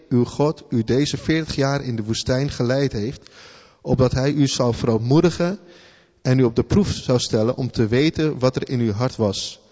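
A man's voice: mid-range voice, darkish tone. A man giving a sermon in a loose, conversational way, asking rhetorical questions and often repeating words as he thinks aloud. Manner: informal, conversational preaching with rhetorical questions and "hè" tags. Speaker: preacher. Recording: long hall reverb, slightly dull sound.

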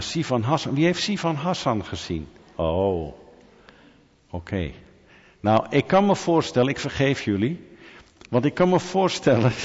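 A pastor preaching a sermon, telling lively stories with humorous asides and questions to the congregation. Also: male voice, medium pitch, husky, in a large hall, lo-fi sound.

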